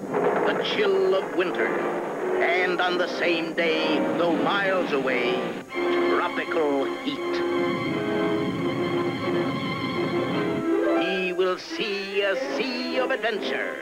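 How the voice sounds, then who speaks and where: An actor playing a gruff, jovial old duck sea captain, narrating grandly in salty sailor dialect for a cartoon. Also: male voice, sits high, animated, takes it slowly, rough recording. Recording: music behind, 1960s television soundtrack.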